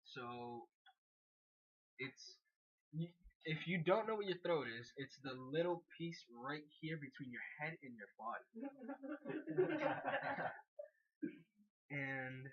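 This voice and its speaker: A man teaching beatboxing basics in a relaxed, casual way, with fillers and small jokes. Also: fairly high pitch, slow, long pauses, breathy edge, highs cut off. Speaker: beatbox tutor. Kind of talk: casual how-to demonstration.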